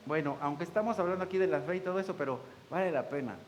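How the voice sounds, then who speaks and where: Man, pastor, church sermon, folksy and joking, fairly high pitch, faint background noise. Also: rapid-fire, poor audio. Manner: folksy, jokes with the congregation, acts out quoted voices.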